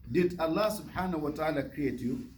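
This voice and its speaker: An imam, appearing as a guest speaker, gives a religious lecture, teaching by repeating phrases and posing questions to his listeners. His voice is slightly high and darkish, a little fast, and the recording carries noticeable background noise.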